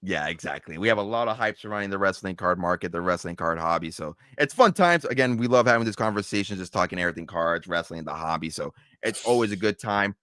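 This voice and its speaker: A man hosting a casual chat show, talking in quick, rambling, upbeat runs. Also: deep voice, lively intonation, a bit bright, dry recording, clean studio sound. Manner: fast, rambling, upbeat with fillers like "there". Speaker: podcast host.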